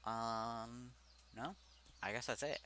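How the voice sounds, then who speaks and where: A man's voice: mid-range voice, steady tone, takes it slowly, pushed and bright. A young man giving casual, rambling video commentary, with frequent fillers and giggles.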